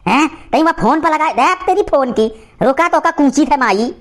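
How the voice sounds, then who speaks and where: A woman voicing an angry old male village uncle in an animated cartoon comedy, ranting and scolding in an Awadhi accent. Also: sits high, normal speed. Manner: loud scolding, cursing rant.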